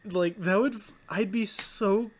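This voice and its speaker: A man's voice: sits high, fairly even intonation, a little hiss or hum. A young adult man co-hosting a casual podcast chat, teasing his friends and joking around. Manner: teasing, jokey, quick to laugh. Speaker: podcast co-host.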